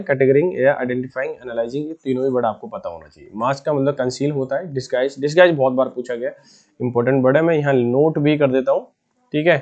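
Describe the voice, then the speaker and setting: A man gives a casual Hindi exam-prep lesson on vocabulary, unhurried and patient with each word, checking in with his students repeatedly. His mid-range voice is a little mellow, heard through lo-fi sound.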